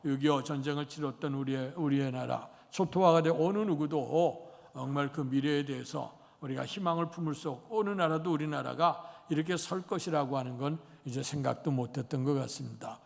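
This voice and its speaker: Male pastor, 60s, fairly high and gravelly, folksy rambling sermon, church reverb. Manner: rambling, anecdotal, many fillers. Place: church sanctuary. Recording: long church hall reverb.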